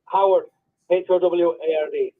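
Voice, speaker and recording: A man's voice: high-pitched, fairly even intonation, normal speed. A man calling a radio show on a phone set to speaker, talking politely and thanking the host. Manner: polite, apologetic, grateful. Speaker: radio caller. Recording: tinny phone line.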